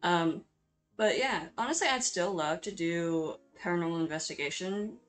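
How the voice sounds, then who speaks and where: Over background music, a woman with a lowish voice narrates her drawing speedpaint video at a normal pace. Her voice-over is chatty and informal, delivered in a hesitant, apologetic, self-deprecating way.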